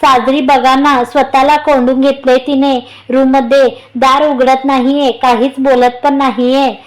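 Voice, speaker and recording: A woman's voice: high voice, little pitch movement, unhurried. A woman voicing a frightened young wife who pleads urgently with her husband, read aloud in an audio story.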